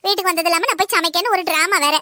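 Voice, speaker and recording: A woman voicing a bossy, sharp-tongued young sister-in-law who lectures her brother's wife in a cartoon. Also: very high voice, rapid-fire, no room sound, clean studio sound. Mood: scolding. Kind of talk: cartoon voice acting.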